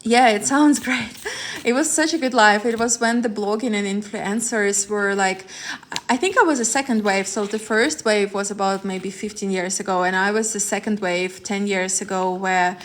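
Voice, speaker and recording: A woman talks to viewers on a live tarot stream, rambling and restarting often. Her pitch sits in an ordinary middle range. A faint hiss runs under her phone-mic voice. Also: fairly even intonation, moderate pace. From Ukraine. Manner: chatty, rambling, laughs often, many fillers and restarts. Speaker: tarot reader.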